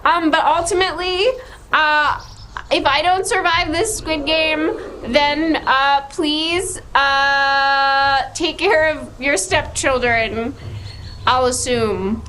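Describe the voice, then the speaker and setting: A woman's voice: sits high, fairly even intonation, slow pace, pushed and bright, slight background noise. A woman guest in an improvised comedy show, rambling and giggly. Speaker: guest performer.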